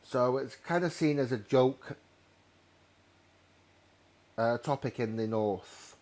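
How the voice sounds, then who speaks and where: A man's voice: mid-range voice, slow pace, darkish tone. A man giving casual commentary while playing a train simulator, rambling and correcting himself as he goes. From North Wales. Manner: rambling, self-correcting storyteller.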